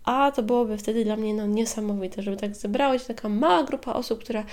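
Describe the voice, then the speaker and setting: A woman hosting a podcast lesson, speaking directly to the listener and saying English examples slowly and with emphasis. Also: on the high side, a little mellow. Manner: switches between Polish and slow, emphatic English examples; friendly, direct address to the listener. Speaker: podcast host and English teacher.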